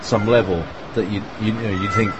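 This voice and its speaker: A man running an online group chat talks loosely and wanders from point to point, peppering his casual speech with fillers and small laughs. He has a lowish voice, a steady tone and a moderate pace. The voice call carries clear background noise.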